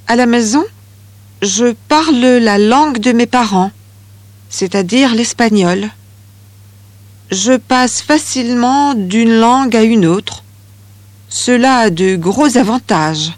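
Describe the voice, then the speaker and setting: A careful teenage girl, slow. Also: on the high side, a little mellow, no echo. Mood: measured. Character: thoughtful teenage girl from a bilingual family. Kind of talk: scripted listening-exercise reading.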